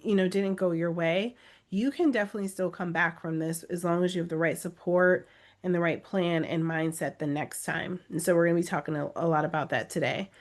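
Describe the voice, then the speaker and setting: Her voice runs a little fast, low-leaning and steady, as she coaches test-takers on a live video webinar. A native English speaker, she reads comments aloud and pushes listeners with emphatic, encouraging, pleading repetition.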